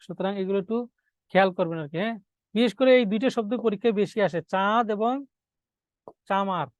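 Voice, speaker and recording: High-voiced man dictating exam notes. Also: no echo. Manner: repeats key points as questions to students, then answers them; dictates notes, slowing on key words. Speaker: teacher. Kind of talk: exam-prep grammar lecture.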